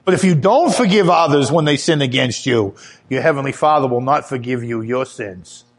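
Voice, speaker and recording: A man giving a sermon, earnest and personal, telling his own testimony and growing louder and higher when he stresses a point. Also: lively intonation, moderate pace. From Italian heritage. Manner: earnest testimony, rises in pitch when emphatic. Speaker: preacher.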